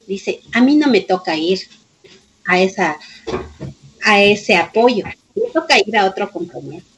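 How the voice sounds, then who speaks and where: A woman's voice: medium pitch, lively intonation, measured pace, a little hiss or hum, low-quality recording. A middle-aged woman, a mother giving personal testimony in an interview and reenacting conversations with her son. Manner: emotional storytelling, reenacting dialogue, repeating phrases. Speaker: grieving mother of a police officer.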